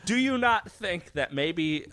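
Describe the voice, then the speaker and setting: A man's voice: high voice, slow pace, slight background noise. A man co-hosting a podcast, chatting casually about a film, swearing often and restarting his sentences. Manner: swearing, restarts, lively back-and-forth. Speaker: podcast co-host.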